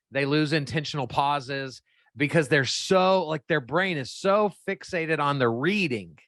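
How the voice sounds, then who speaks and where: A man's voice: fairly high pitch, a bit bright, dry recording. A man guesting on a casual podcast debate, joking and self-mocking, with blunt slang.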